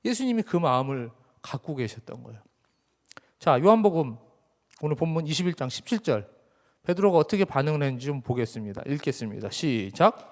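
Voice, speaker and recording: A man's voice: fairly high pitch, sing-song, brisk. A young man preaching a sermon as pastor in a conversational way, speaking directly to his congregation in a church sanctuary. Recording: reverberant church hall.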